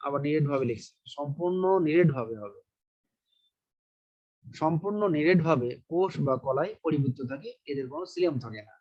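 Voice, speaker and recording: Male biology teacher, dull lo-fi sound. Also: on the high side. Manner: repeats key terms, asks and answers his own questions. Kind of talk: online lecture.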